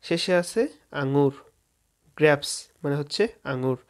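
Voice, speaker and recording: A man's voice: on the high side, unhurried. Bengali man spelling out English words. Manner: spells words out letter by letter, addresses viewers directly. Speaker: English vocabulary teacher. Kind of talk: casual spoken lesson.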